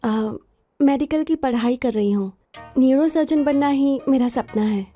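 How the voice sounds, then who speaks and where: A woman's voice: high-pitched, unhurried, mellow. A woman in her twenties dubbing a proud young medical student who turns indignant. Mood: shy. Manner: insistent, indignant. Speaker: film character. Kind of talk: dubbed film dialogue. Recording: film soundtrack with faint music.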